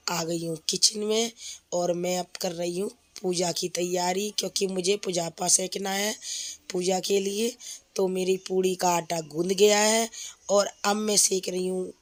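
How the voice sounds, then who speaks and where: A woman in her thirties, a mother, chatting casually in a cooking vlog from her home kitchen, explaining each step while feverish. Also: mid-range voice. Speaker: vlogger, mother.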